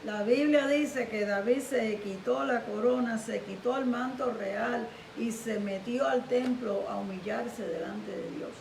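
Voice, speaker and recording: High-voiced woman pastor preaching. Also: measured pace, gravelly, hardly any pauses. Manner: animated storytelling preaching. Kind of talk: sermon. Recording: echoey room, distant mic, faint hiss.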